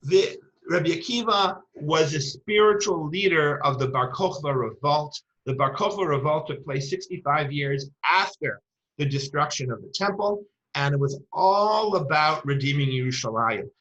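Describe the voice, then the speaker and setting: A woman teaching a lecture with a bright, forceful voice, working Hebrew terms into her English as she tells old stories. The recording sounds dull and lo-fi. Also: sits low, animated, normal speed. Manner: storytelling, retells quoted dialogue.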